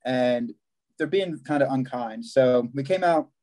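A young long-distance hiker with a medium-pitched, mellow voice talks a little slowly on a casual video call from a small room. He often restarts his sentences and laughs easily.

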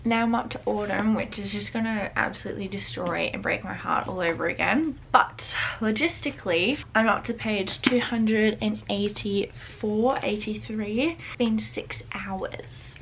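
A woman's voice: mid-range voice, measured pace, gravelly, few pauses, fairly bright tone, a little hiss or hum. A young woman, chatting casually and gushing in a reading vlog, full of "like" fillers. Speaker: book vlogger.

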